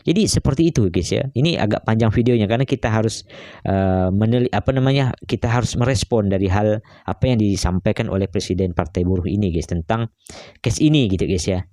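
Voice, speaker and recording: Reaction host: man, lowish mellow voice, dry close sound, casual musing delivery with constant "guys, ya" tags. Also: fairly quick, no room sound. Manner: keeps adding "guys, ya" tags and fillers; musing, hesitant.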